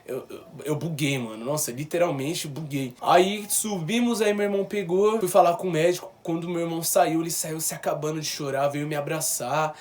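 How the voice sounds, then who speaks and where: Animated Brazilian young man, slightly high. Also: a little fast. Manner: animated, slangy, acts out quoted dialogue. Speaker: YouTuber. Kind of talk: personal storytelling vlog.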